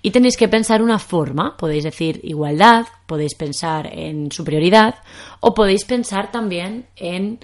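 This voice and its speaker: A woman's voice: on the low side, normal speed. A young woman from Spain with a Castilian accent, teaching Spanish in a podcast lesson and explaining patiently with examples.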